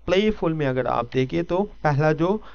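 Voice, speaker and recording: A man teaching an English lesson, explaining step by step and often pausing to check that listeners follow. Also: a little high, lively intonation, creaky, clean tone, dry recording. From Pakistan. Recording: dull lo-fi recording.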